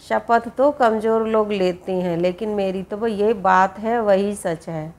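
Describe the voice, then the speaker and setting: A woman teacher giving a poetry lesson. She reads each verse line, then explains it slowly in plain words, often repeating herself. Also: medium pitch, a little mellow.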